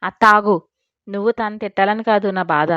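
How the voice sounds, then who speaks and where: A woman's voice: mid-range voice, a little fast, dry recording, lo-fi sound, close to an everyday voice. A woman voicing a scheming young woman who fakes sobbing and sniffling in an audio story. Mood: tearful.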